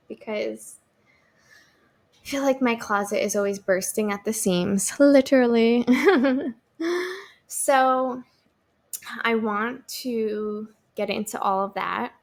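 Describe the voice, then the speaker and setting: Slow-talking, gravelly woman in her thirties. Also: mid-range voice, steady tone. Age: 30s. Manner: chatty, lots of fillers and restarts, upbeat. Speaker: podcast host. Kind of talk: solo podcast chat.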